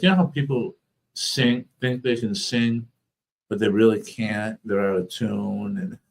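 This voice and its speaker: A man's voice: on the low side, low-quality recording. A man with thick, slurred speech from a swollen tongue, weakened and fatigued, chatting casually on a livestream as an author and host.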